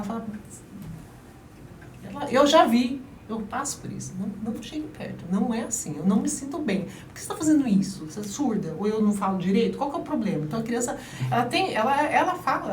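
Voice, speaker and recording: A woman guest explaining child-rearing methods in an emphatic, lively way during an interview. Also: medium pitch. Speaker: guest, parenting advisor. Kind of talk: interview conversation. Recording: roomy, distant mic, faint noise.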